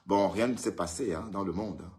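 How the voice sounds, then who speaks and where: A man's voice: deep voice, fairly quick, a little mellow. A man hosting a casual live stream, greeting viewers by name and teasing them in a chatty way. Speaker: livestream host. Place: indoors, at home in Europe.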